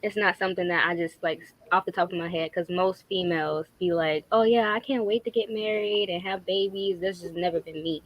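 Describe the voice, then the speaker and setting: A woman's voice: fairly low pitch, steady tone, brisk, few pauses, no echo, highs cut off. A blunt, slangy woman of twenty-one speaking as a guest on a casual talk show.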